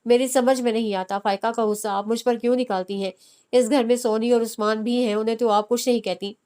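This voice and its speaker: A woman reading a fiery, defiant young woman with a sharp, confrontational delivery. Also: fairly high pitch, steady tone, clear, resonant tone, lightly acted. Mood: irritated.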